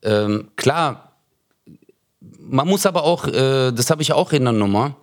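A man's voice: medium pitch, a little slow. A man with a Swabian accent, a comedian hosting a podcast, chatting casually and acting out dialogue as he tells stories. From Germany. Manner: animated storyteller who acts out dialogue in joke retellings. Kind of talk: casual conversation.

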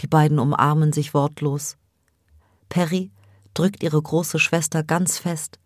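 Tiefe Frauenstimme, Hörbuch. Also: female voice, deep voice, steady tone, unhurried, no echo, clean studio sound. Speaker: audiobook narrator. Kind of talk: audiobook reading.

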